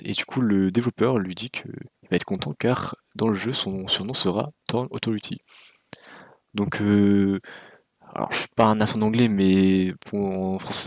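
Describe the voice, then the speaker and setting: Man, low voice, gravelly fry, dry close sound, wry casual game news talk. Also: no echo. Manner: opinionated, wry and candid. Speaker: gaming video creator.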